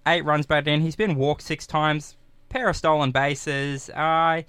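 A man's voice: fairly high pitch, level tone, unhurried, fairly bright tone, smooth, no room sound. Sports commentator: male, conversational, clean and resonant, close dry sound. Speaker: baseball commentator.

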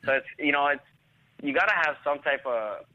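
A man's voice: a little high, normal speed, no room sound. A man from Hawaii chatting casually as an interview guest, laid-back and often repeating himself. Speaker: professional surfer, interview guest. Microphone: phone call. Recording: tinny phone line.

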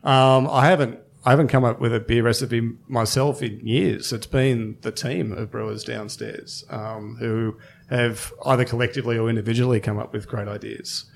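A man's voice: medium pitch, fairly even intonation, normal speed, gravelly. A man of fifty, a brewery co-founder, chatting casually as a guest and thinking aloud with many fillers. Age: 50s. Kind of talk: casual interview chat.

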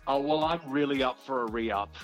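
A man with a creaky voice, speaking earnestly and affirmingly in a radio interview chat. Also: medium pitch, normal speed. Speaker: radio show host, guest on air. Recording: dull lo-fi sound, music behind. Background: music.

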